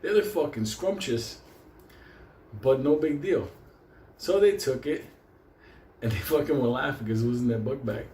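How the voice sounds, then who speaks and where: With a warm, medium-pitched voice at normal speed and long pauses, a man tells rambling, profane stories in a joking manner. He is a host and storyteller from Puerto Rico or a Puerto Rican community whose first language is Spanish, and he swears heavily and often breaks into laughter. The recording has a roomy echo and faint background noise.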